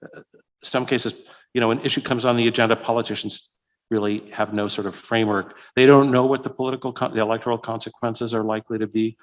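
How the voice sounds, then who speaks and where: A man's voice: medium pitch, little pitch movement, quick pace. A man giving a conference keynote and answering questions, speaking hesitantly with many fillers and restarts. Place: conference hall.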